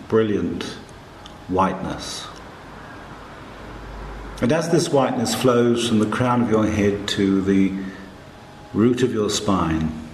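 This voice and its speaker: A man narrating a guided meditation in a calm, hushed, soothing manner, with long pauses between short phrases. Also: lowish voice, roomy sound, a little hiss or hum, poor audio.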